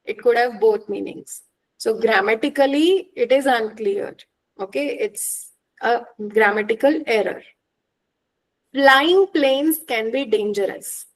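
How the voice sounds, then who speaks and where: A woman teaching an online exam-prep lecture, explaining with examples and checking understanding with quick questions. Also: fairly high pitch, low-quality recording.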